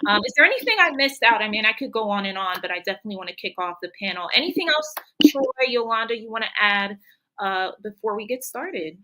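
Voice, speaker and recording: A woman's voice: mid-range voice, animated, fast, bright, forceful tone, low-quality recording. A woman moderating a livestream panel as host, speaking in an effusive, encouraging way.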